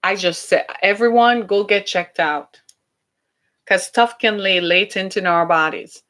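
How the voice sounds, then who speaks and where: This podcast host, a woman from the British Caribbean with a Caribbean accent, has a mid-range voice that is a bit bright and a little slow. She talks in a chatty, emphatic monologue, asking one rhetorical question after another.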